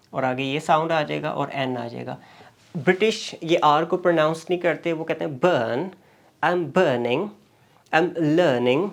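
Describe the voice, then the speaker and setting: Male pronunciation teacher in a lecture; drills single sounds, slow repeats, code-switches. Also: a little high, vocal fry. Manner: repeats single sounds slowly and mixes Urdu with English.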